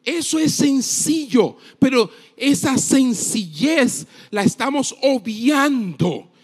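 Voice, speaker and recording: A male pastor preaching a sermon from a church platform, rising to shouts on key points. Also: very high-pitched, very animated, takes it slowly. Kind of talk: sermon with live demonstration.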